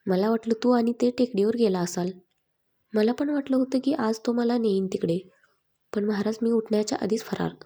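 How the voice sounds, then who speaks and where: Woman doing nervous young wife, kinda husky and mellow, frets over every answer. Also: a little high, moderate pace. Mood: cheerful. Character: young wife, anxious and easily frightened.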